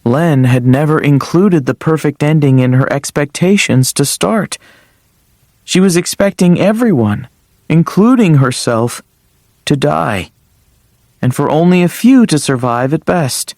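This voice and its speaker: Slow-reading male audiobook narrator. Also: a little high, darkish tone, dry recording, studio quality.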